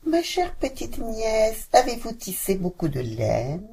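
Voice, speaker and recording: A woman's voice: a little high, wildly swooping pitch, slow, creaky, mellow, pitched above the performer's own voice, heavily acted. Baba Yaga, a shrieking spiteful witch, as a woman puts her on. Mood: sugary. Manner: shrieking, snarling scolding. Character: furious old witch, shrill and spiteful.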